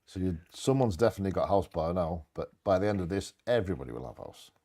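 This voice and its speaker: Male co-host for bingo, low-pitched and warm, part scripted reading, part offhand chat. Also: expressive, fast. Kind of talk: reading short fact blurbs with casual asides.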